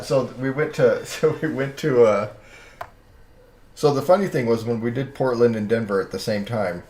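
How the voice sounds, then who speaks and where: A man's voice: fairly low pitch, darkish tone, roomy sound. A man chatting casually on his live art stream, rambling and often breaking off mid-sentence with chuckles.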